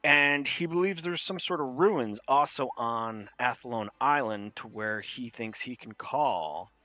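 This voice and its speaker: A man with a New York accent narrating a tabletop game as game master, with a halting, emphatic delivery. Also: medium pitch, sharp tone, no room sound.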